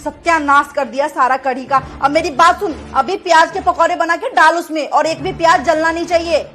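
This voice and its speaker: A woman in her fifties playing a stern, sharp-tongued mother-in-law who scolds her new daughter-in-law loudly, in a family drama. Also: very high-pitched, a little fast. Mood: scolding. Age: 50s.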